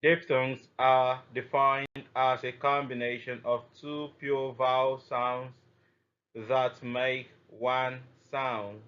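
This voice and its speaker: A man teaching a scripted phonetics lesson, deliberately reading out sounds and lists of example words one at a time. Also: medium pitch, little pitch movement, smooth. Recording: dull muffled lo-fi audio.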